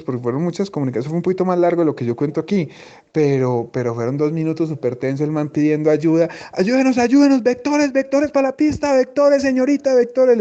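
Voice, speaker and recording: A man's voice: mid-range voice, warm tone, highs cut off. A man, an airline pilot, casually retelling a story in crude slang.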